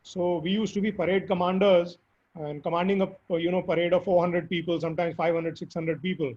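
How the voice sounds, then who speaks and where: A man with a hoarse, squeaky voice from recent illness, answering interview questions earnestly and emphatically. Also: little pitch movement, brisk, darkish tone. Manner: earnest, emphatic advice with fillers. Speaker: guest speaker. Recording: dull lo-fi audio.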